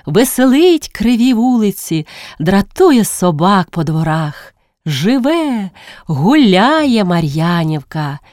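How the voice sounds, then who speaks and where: A woman narrating a classic story in a measured, expressive reading. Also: mid-range voice, dry recording, studio quality.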